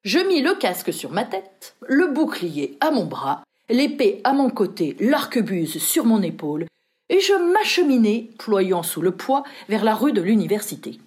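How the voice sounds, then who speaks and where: A woman reading memoir prose aloud in a lively, expressive audiobook narration. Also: medium pitch, unhurried, husky. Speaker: reader.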